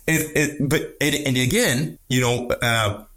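A man speaking as an economics commentator on a podcast, halting and repeating words, often stressing points with a questioning "right?". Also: medium pitch, a bit bright.

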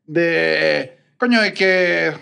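A Venezuelan man co-hosting a podcast, telling a story in a lively way and jumping into high voices when he quotes people. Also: extremely slow, creaky, clear, resonant tone. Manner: animated, jumps into high mock voices when quoting. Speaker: podcast co-host. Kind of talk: casual chat, telling an anecdote.

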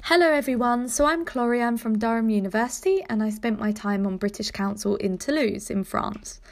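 A woman's voice: fairly high pitch, moderate pace, gravelly. A young woman guest on a podcast, introducing her experience casually in a positive, orderly way. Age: young adult. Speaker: podcast guest, former language assistant.

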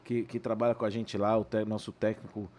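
A man's voice: fairly low pitch, brisk. A man who is a comedy impressionist, chatting casually and with plenty of slang as a podcast guest. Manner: relaxed, laughs easily, slangy.

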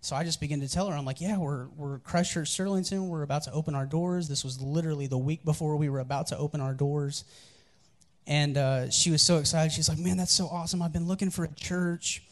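Man, pastor, sermon, conversational storytelling, earnest, slightly high voice. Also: fairly even intonation, fairly quick.

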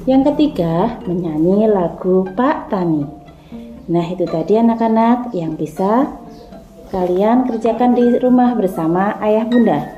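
A woman's voice: medium pitch, a little slow, echoey room, muffled recording, soft background music. A kindergarten teacher, a woman, teaching young children over radio in a sing-song way, asking them questions.

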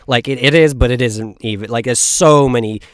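A man's voice: medium pitch, a little fast, no echo, clean studio sound. An eighteen-year-old man co-hosting a podcast in casual chat, rambling with many restarts and frequent laughs. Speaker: podcast co-host.

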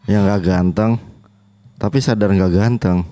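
A man's voice: lowish voice, fairly even intonation, a little slow, dark tone, dry recording. A man with a Jakarta accent chatting casually in teasing Jakarta slang as a show host. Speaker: host of a talk and call-in show. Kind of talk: casual bantering chat.

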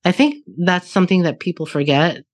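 A woman's voice: on the low side, sing-song, brisk, no echo. A woman in her late thirties, a podcast guest in casual chat, who swears freely, laughs often and restarts her sentences. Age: 30s.

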